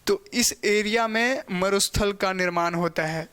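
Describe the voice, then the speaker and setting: Man, teacher, high voice, patient step-by-step classroom lecture, keeps checking in. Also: a bit bright, smooth. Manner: explains step by step, often checks in with "okay"; spells out pronunciation slowly.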